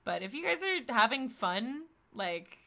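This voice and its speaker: A young female streamer chats casually as she plays a visual novel, with slangy, animated asides. Her voice is bright and gravelly, with lively pitch. Faint game music runs underneath. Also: measured pace. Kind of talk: casual live-stream commentary while reading a visual novel.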